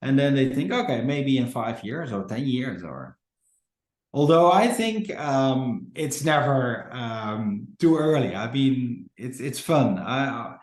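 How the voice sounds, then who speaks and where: A man's voice: medium pitch, lively intonation, slow pace, darkish tone, roomy sound. A man from the Netherlands with a Dutch accent, a company founder talking in a casual podcast interview, hesitant with many fillers and restarts. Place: Portugal.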